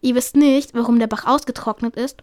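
A woman's voice: fairly high pitch, fairly even intonation, brisk, darkish tone, dry recording, close to an everyday voice. A woman reading as an earnest young apprentice cat. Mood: insistent. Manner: read aloud with small slips.

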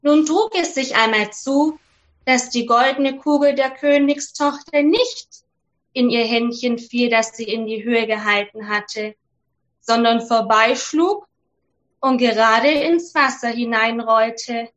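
A woman reading a fairy tale aloud to children, gently and clearly. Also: on the high side, takes it slowly, muffled recording. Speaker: storyteller for children.

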